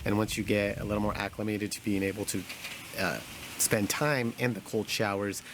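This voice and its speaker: A man's voice: lowish voice, steady tone, moderate pace, noisy background. A man chatting casually to viewers as a vlogger, informal, blunt and self-mocking.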